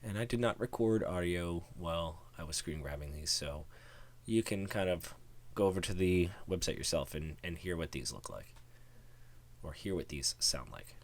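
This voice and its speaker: Deep-voiced man in a rambling tutorial. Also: moderate pace, vocal fry. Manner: relaxed, rambling, many ums and restarts. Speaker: tutorial host. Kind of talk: screen-recorded software walkthrough.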